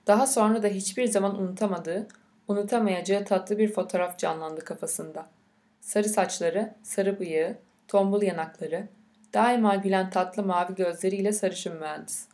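A woman reads a novel aloud as an audiobook narrator. Her voice sits at a middling pitch for a woman, and the delivery is measured and unhurried. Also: mellow.

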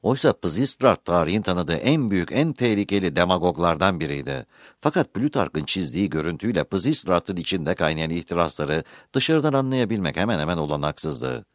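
A man narrating a scripted history documentary in a measured storytelling delivery with dramatic emphasis. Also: low-pitched, big pitch swings, no room sound, studio quality.

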